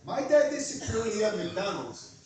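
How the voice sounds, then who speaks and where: A man from Queens with a Queens New York accent, delivering an animated, profane comedic rant in punchy, repeated phrases and rhetorical questions. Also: sits high, moderate pace, crowd noise. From Queens, New York, USA. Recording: very echoey room, distant mic.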